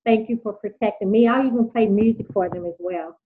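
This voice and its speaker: A woman calling in to a live talk, speaking in a soft, unhurried, devotional way. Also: medium pitch. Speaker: caller. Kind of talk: casual call-in sharing. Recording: phone line.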